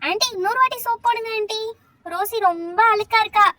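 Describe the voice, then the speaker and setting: A woman with a Tamil accent voicing an excited little girl who keeps calling out for aunty in a doll play story. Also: very high-pitched, a little fast, noisy background. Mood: eager. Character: excited little girl helper, chatty and nosy.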